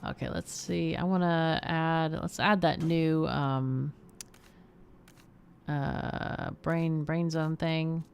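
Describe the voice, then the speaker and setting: With a deep, slow voice full of vocal fry and a clean tone, a woman streams games casually, expressive and exclaiming as she talks to herself through the gameplay and chats as host.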